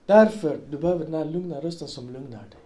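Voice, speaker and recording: A man's voice: on the high side, warm tone. A man giving a religious talk to a congregation, telling stories and putting questions to his listeners. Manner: storytelling with rhetorical questions to listeners. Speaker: preacher.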